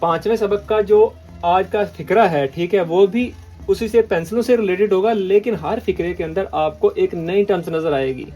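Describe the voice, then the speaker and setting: A man's voice: high-pitched, moderate pace, mellow, faint music behind. A man from Pakistan teaching a language lesson, repeating words and often checking in with the listener. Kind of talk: patient classroom lesson.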